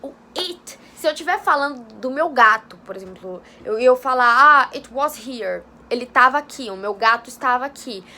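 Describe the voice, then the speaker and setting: A woman's voice: high voice, animated, normal speed, few pauses, pushed and bright. A young Brazilian woman with a chatty, informal manner, giving a casual online English lesson and checking in often with her viewers. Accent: Brazilian Portuguese. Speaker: English teacher.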